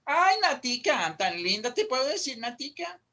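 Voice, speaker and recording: A woman leads a casual oral expression workshop on a video call, very animated and a bit bright at a normal speed. Affectionate and full of diminutives, she swings between high and low voice to demonstrate tone.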